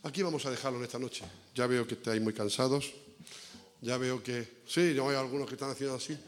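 Inside a church with echoey hall reverb, a visiting male preacher gives a conversational evangelical sermon. Speaking fast in a mid-range voice, he repeats phrases for emphasis and poses rhetorical questions.

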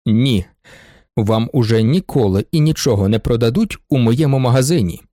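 A man reading aloud and voicing a calm, decisive middle-aged merchant. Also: medium pitch, moderate pace, dry recording, studio quality, voice pushed down, close to an everyday voice. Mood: firm. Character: calm, firm male shopkeeper, middle-aged.

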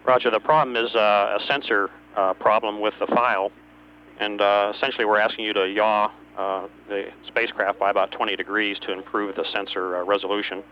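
Ground control guy calling a spacecraft, lowish voice, procedural and a bit halting, dull radio with faint hum. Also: level tone. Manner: procedural, hesitant between phrases. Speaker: capsule communicator at ground control.

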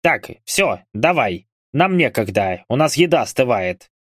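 Man doing a loud teasing soldier prankster. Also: mid-range voice, very animated, unhurried, dry recording, clean studio sound. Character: joking male soldier, the unit's loud prankster.

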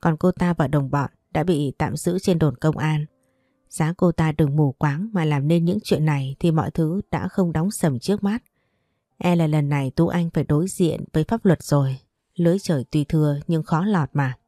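A woman's voice: sits low, normal speed, warm tone, no room sound, studio quality. A woman voicing a protective young man who talks in a blunt, teasing way in a storybook. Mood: reassuring.

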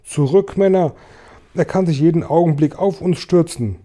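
A man's voice: medium pitch, unhurried. A man playing a blustering, bossy police chief. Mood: shouting alarmed. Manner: shouting, excitable, bossy.

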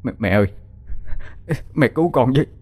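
A man's voice: mid-range voice, animated, normal speed, mellow, husky, pitched above the performer's own voice. A man voicing a panicked young male killer who stammers and pleads. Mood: desperate pleading.

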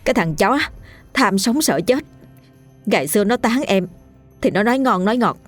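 A woman's voice: mid-range voice, animated, moderate pace, soft background music, voice pushed up, natural voice. A woman voicing a furious, foul-mouthed young village wife who screams curses in a breathless rush, in an audio ghost story.

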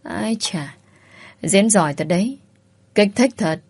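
A woman's voice: mid-range voice, expressive, slow pace, darkish tone, slightly rough, exaggerated voice. A woman reading a sneering, pushy grown man. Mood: mocking. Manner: sneering, impatient commands. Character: arrogant, mocking grown man, pushy and cold.

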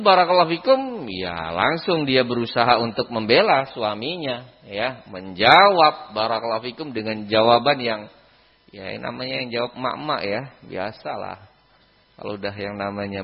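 A man giving a lively religious lesson in a mosque, keeps repeating a pious filler phrase, on a reverberant, dull recording. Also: on the low side, vocal fry. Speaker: Islamic teacher.

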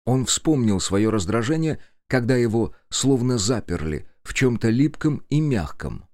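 A man reading an audiobook in a measured, even scripted narration. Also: medium pitch, no room sound, clean studio sound. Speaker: audiobook reader.

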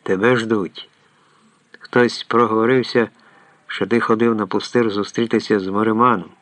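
A man's voice: on the low side, fairly even intonation, normal speed, a bit bright, no echo, lightly acted. A man voicing a nervous, jumpy male friend in an audiobook, speaking in a raised, anxious, pleading way. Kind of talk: audiobook character voice.

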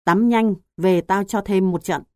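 A woman reading an audiobook voices a frantic father shouting loudly for his son. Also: medium pitch, measured pace, no room sound, studio quality, lightly acted. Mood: scolding. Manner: loud calling and shouting.

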